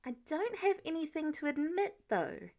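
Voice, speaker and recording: A woman's voice: high voice, sing-song, normal speed, pitched above the performer's own voice. A woman reading Peter Parker, a flustered evasive teen. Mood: awkward. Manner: flustered, dodging with polite excuses. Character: nervous evasive teenage boy superhero.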